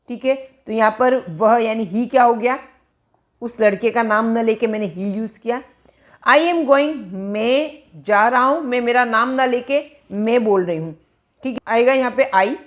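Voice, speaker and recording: A woman teaching English grammar in Hindi, explaining each term and checking understanding with repeated questions. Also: fairly high pitch. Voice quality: slow, careful reading of English example sentences. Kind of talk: grammar lesson.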